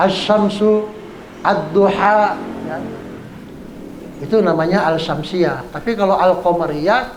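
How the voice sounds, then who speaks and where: Slow-talking male religious teacher, echoey. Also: high voice, background noise. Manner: patient, repeats examples slowly, chants verses. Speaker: Islamic teacher. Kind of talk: Quran recitation lesson. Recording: echoey room with faint ambience.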